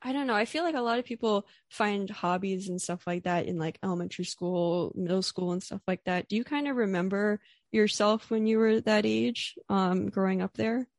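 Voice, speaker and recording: A woman's voice: medium pitch, normal speed, few pauses, no room sound, clean studio sound. Chatty, nervous young woman host. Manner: nervous, chatty with many fillers and restarts. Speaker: podcast host. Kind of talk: casual interview.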